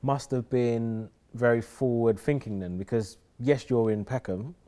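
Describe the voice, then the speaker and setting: A man with a mellow, mid-pitched voice hosts a casual interview. He puts questions to his guest in an informal, conversational style. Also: unhurried.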